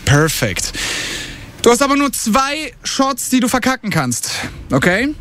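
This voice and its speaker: A male radio host running an on-air quiz game with a caller, energetic and slangy, dropping in English words. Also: very high-pitched, measured pace. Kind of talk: upbeat radio game show hosting.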